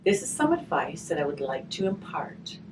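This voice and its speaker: Her voice sits low as she reads a picture book to children, taking it slowly and expressively and pausing for chatty questions. She is a hospice volunteer, recorded on a distant mic with faint noise in the background.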